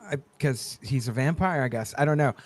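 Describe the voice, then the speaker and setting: A man's voice: medium pitch, brisk. A man co-hosting a casual podcast chat about a TV show, riffing jokes and theories. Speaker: podcast co-host.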